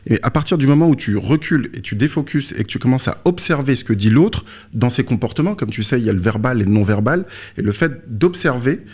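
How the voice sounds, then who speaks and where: In a mid-range voice that's a little mellow and slightly rough, this coach talks quickly with lively intonation and hardly any pauses. Interviewed as a guest, he explains casually through anecdotes and rhetorical questions; born in Morocco, he moved to France at three or four.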